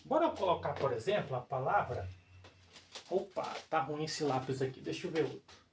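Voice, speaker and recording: A teacher explains grammar on a whiteboard step by step, speaking with a Brazilian Portuguese accent, lively intonation and normal speed, and keeps checking in with the audience. The room is roomy and a bit echoey, the voice sits far from the mic, and there's background noise.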